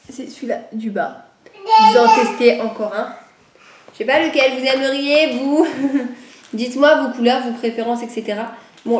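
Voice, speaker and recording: Casting note: woman vlogger, a bit higher voice, slightly nasal, chatty and hesitant, in an echoey room. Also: darkish tone, slight background noise. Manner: rambling, hesitant, many fillers. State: recovering from a cold. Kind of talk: casual chat.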